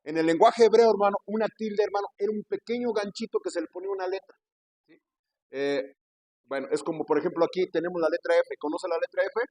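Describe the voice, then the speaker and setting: Mexican pastor preaching, slightly high voice, dry close sound, rhetorical questions throughout. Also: male voice, quick pace, darkish tone, dry recording, rough recording. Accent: Mexican Spanish. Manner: preaching, peppers speech with "hermano" and rhetorical questions. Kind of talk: sermon. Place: church.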